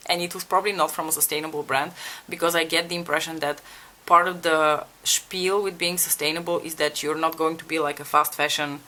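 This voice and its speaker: This casual makeup tutorial features a young Bulgarian beauty vlogger who speaks a little fast in a low voice with fairly even intonation and a sharp tone. She talks frankly to viewers, asks them for advice, and swears offhandedly as she works.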